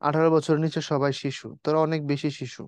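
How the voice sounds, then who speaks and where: A male teacher, talking softly and slowly in an online class because he has a mild fever and a cold. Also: on the high side, little pitch movement, clear, resonant tone, dry recording. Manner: speaks softly and slowly, teasing students.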